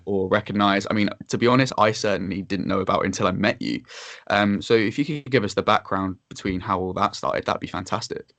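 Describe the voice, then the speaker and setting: Male podcast host, lowish voice, easygoing chatter, dry close sound. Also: fairly quick, creaky, fairly bright tone, dry recording. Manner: upbeat, laughs often, loose filler-heavy talk. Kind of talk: casual podcast interview.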